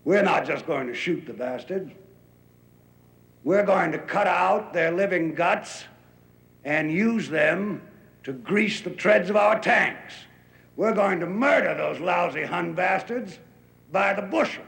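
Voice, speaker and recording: A gruff sock puppet general, played by a man, declaims a bombastic speech in a comic puppet show. The delivery is very slow and deliberate, with a gravelly creak. The room adds a clear echo. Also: high-pitched, lively intonation, fairly bright tone, full character voice. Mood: bloodthirsty, fierce. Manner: declamatory, deliberate, with long pauses. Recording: roomy echo.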